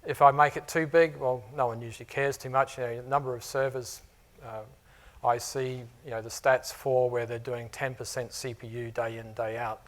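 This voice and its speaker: A middle-aged man with a mixed New Zealand and Australian accent delivers a conference presentation to customers in a conference room before a live audience. He's a technology architect, and he talks at a moderate pace with a medium-pitched, flat delivery, keeping it conversational with frequent "you know"s and "uh"s.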